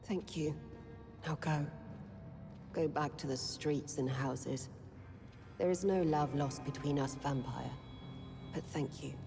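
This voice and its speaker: Low-voiced proud old undead matriarch. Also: female voice, takes it slowly, gravelly, long pauses, exaggerated voice. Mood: stern warning. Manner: stern, solemn, archaic phrasing. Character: old female undead leader, proud, guarded, protective. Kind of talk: dramatic video game voice acting. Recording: long hall reverb, music underneath.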